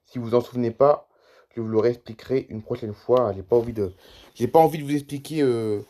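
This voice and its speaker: A man's voice: medium pitch, a little fast, warm tone. Tired chatty French YouTuber man. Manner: rambling, chatty, reads out flight routes with rising emphasis. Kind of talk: casual screen-recording commentary.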